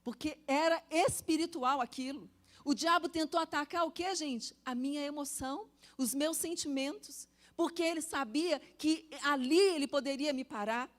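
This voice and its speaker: A woman gives a sermon testimony in a high, bright voice. She tells her story with animation and keeps turning to the congregation with questions. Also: normal speed. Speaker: preacher.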